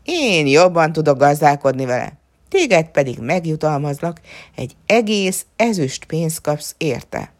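A woman's voice: low voice, sing-song. A woman voicing a greedy, proud lord who speaks in a wheedling, coaxing way. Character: greedy, proud male lord, fawning then furious.

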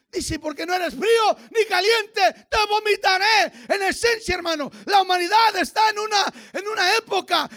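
Fervent gravelly high-voiced pastor. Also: male voice. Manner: fervent preaching, swings from quiet asides to shouted exhortation. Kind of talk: bilingual Christmas sermon.

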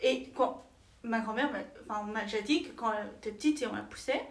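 High-voiced young woman, halting storyteller. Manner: storytelling, hesitant with fillers. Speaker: podcast guest. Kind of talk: casual chat among friends. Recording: echoey room.

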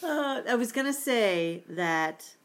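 A woman's voice: mid-range voice, animated, normal speed. A woman in casual group chat, talkative, laughing easily and trailing off mid-sentence.

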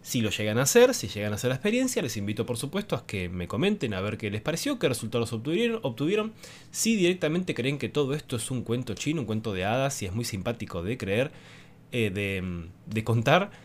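A man hosting a show, explaining in an animated, teacherly way and posing rhetorical questions to viewers. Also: mid-range voice, brisk. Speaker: host. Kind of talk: explanatory monologue to camera.

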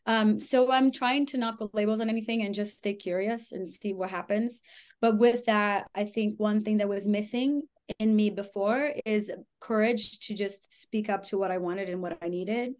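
A woman's voice: medium pitch, steady tone, moderate pace, darkish tone. Chatty woman guest telling her story. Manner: chatty, lots of "like" and "you know", acts out quotes. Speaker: podcast guest. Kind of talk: casual conversational storytelling.

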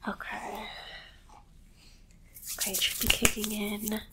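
Now in a mid-range whisper, she speaks slowly against very noisy audio. In character as a calm alien medical examiner, she murmurs the same short reassurances again and again.

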